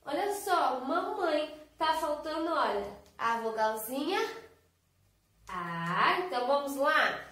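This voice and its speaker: A Brazilian Portuguese-accented woman, a kindergarten teacher, gives a slow, sing-song, encouraging online lesson to young children. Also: high voice, animated, a bit bright. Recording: very echoey room.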